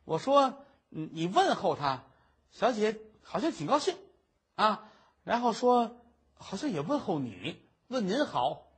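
A man's voice: high-pitched, very animated, husky, pitched above the performer's own voice, heavily acted. A man voicing a cheeky young maidservant who teases and toys with a nervous suitor, in traditional comic storytelling. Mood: coy. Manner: teasing, playful, quick-witted.

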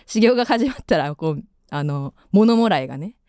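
A woman's voice: on the low side, lively intonation, moderate pace, mellow, no room sound, studio quality. A woman in her twenties with a Kansai accent, hosting a radio show in casual, rambling chat full of fillers. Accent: Kansai Japanese. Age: 20s. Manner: chatty, rambling, with frequent fillers. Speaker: radio host.

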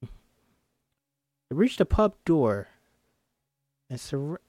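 Animated man reading a script aloud. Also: on the high side, very slow, no room sound, studio quality. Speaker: amateur script reader. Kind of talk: reading screenplay stage directions aloud.

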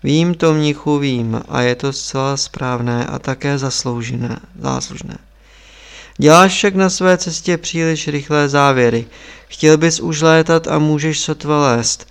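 A grave old abbot, calm and wise, teaching in slow, measured sentences, as a male reader puts him on. The voice is smooth and resonant, with a gravelly fry at the ends of phrases. This is an audiobook reading. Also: a little high. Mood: patient.

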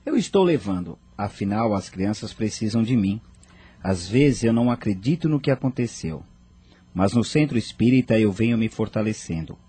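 A man's voice: on the low side, expressive, normal speed, warm tone, breathy edge. An actor in a radio drama playing a grieving father who talks in an earnest, reflective way. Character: grieving widowed father seeking faith.

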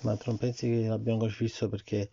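Gravelly low-voiced father, dull lo-fi sound. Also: little pitch movement, quick pace, slight background noise. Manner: patient, gentle questioning. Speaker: father reading to his son at bedtime. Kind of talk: bedtime reading and chat. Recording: dull lo-fi recording.

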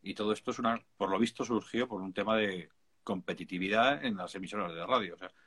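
A man's voice: fairly low pitch, quick pace, fairly bright tone, slightly rough. Casting: Spanish-accented man, music producer, casual slangy chat, emphatic. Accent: Spain Spanish. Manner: chatty, informal, emphatic, peppered with slang.

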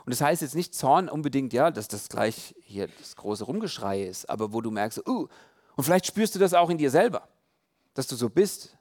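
A man giving a conversational sermon on love in marriage, animated, acting out quoted thoughts with many fillers and restarts. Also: mid-range voice, normal speed.

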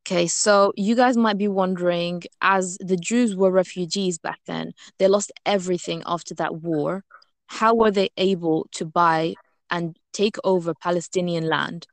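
A woman whose first language is not English co-hosts an informal explainer, haltingly searching for words as if translating in her head. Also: fairly low pitch, steady tone, dry recording. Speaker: co-host.

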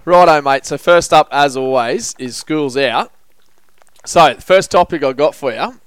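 A man's voice: medium pitch, unhurried, a bit bright, a little hiss or hum. An Australian man hosting a casual footy show, chatting in a blokey, matey way full of local slang. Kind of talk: casual sports banter.

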